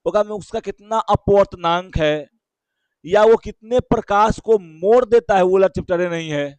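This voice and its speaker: A man teaches a physics lesson in a high, bright-pitched voice with a Bihari Hindi accent. He goes slowly, repeats each key term and keeps asking his class short questions to check they follow. The sound is dry and close. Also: smooth, dry recording.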